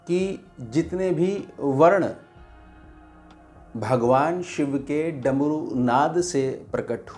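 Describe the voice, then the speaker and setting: A man, a spiritual teacher, giving a devotional teaching talk in a slow, measured way with pauses. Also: medium pitch, darkish tone.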